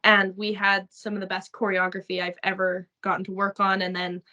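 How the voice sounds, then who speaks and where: A woman's voice: medium pitch, completely flat delivery, a little fast, sharp tone, rough recording. A young woman from Saskatchewan with a Canadian accent, chatting in an interview with many fillers and frequent laughs. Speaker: actress interviewee. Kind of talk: casual interview chat.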